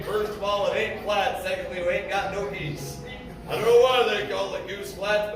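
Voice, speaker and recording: Male live-show storyteller, high pitch, folksy rowdy showman delivery, distant echoey recording, clear background music. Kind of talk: theatrical storytelling to an audience. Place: saloon theater before a live audience.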